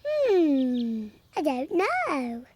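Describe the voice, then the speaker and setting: A woman's voice: high-pitched, huge pitch swings, very slow, darkish tone, a little hiss or hum, heavily acted. A woman voicing a cheerful, giggly little girl piglet in a cartoon. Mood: playful. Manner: giggly, bouncy and playful. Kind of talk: cartoon voice acting.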